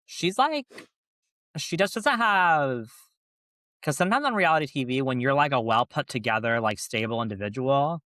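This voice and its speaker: A man's voice: medium pitch, animated, normal speed, a bit bright, dry recording. A man co-hosting a podcast in casual chat, talking loosely with frequent restarts and laughs. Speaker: podcast co-host.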